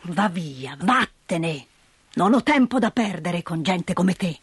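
A woman voicing a grumpy old mountain grandfather in a storybook reading, low and gruff. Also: lively intonation, slow pace, dry recording, full character voice. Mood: angry.

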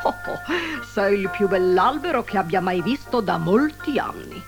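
A woman's voice: medium pitch, lively intonation, moderate pace, close to an everyday voice. Jolly old father christmas, a woman reading him, storybook voice, music in the back. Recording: music playing underneath.

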